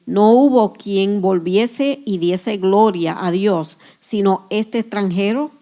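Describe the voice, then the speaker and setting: A woman reading a Bible passage aloud in church, slow and measured. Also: mid-range voice, warm tone. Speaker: scripture reader. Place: church in the Bronx.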